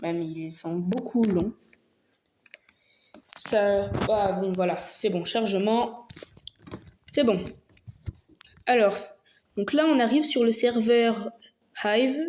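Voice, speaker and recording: A woman's voice: medium pitch, slow, pauses often, warm tone, slight background noise. A woman hosting a gaming video, talking through her gameplay casually and hesitantly, with lots of fillers and restarts. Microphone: phone.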